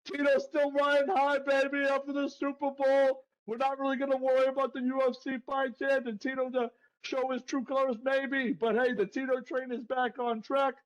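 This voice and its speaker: A man's voice: extremely high pitch, completely flat delivery, moderate pace, lo-fi sound. A man co-hosting a sports betting podcast, talking in a hyped, swaggering way and calling everyone "baby.". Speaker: co-host, sports betting picks. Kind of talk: casual podcast chat.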